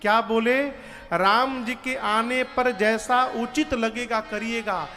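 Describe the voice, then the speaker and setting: A man preaching a devotional story sermon, slow and emphatic, acting out dialogue and chanting verses. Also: very high-pitched, fairly even intonation, bright, forceful tone. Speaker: Ram Katha preacher. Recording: long hall reverb with faint music.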